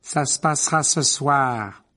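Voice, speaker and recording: A man reading an audiobook, voicing an eccentric older female seer who speaks in slow, hushed, breathy tones. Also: mid-range voice, pitched above the performer's own voice. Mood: harsh trance. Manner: slow, mysterious, then harsh trance voice. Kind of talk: audiobook character voice.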